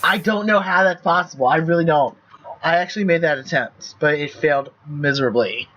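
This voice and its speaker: A man's voice: on the high side, fairly quick, bright, forceful tone, lo-fi sound. A man streaming a text game, chatting casually and rambling, with restarts and the odd swear. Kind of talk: casual game-play chat.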